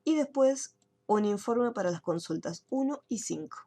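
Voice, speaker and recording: Lady walking students through a database tutorial, bit of vocal fry, step by step. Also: medium pitch, lively intonation, moderate pace, dark tone. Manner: explains step by step, checks in with students. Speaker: computer course teacher. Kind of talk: screen-share software tutorial.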